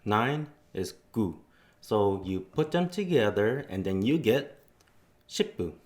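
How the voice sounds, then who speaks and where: A man's voice: lowish voice, sing-song, a little slow, a little mellow. A man teaching a casual spoken lesson, explaining step by step with loose fillers. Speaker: language teacher.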